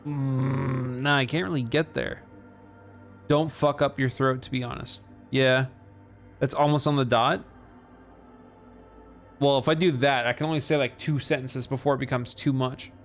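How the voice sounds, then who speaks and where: A man's voice: medium pitch, steady tone, normal speed, long pauses. Male streamer, casual commentary, swearing, faint music.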